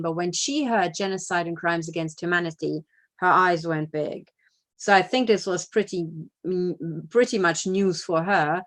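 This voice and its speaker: A woman giving a casual spoken report. She talks bluntly and emphatically, swears freely, and keeps checking in with "you know" and "right?". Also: on the low side. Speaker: activist giving a video report.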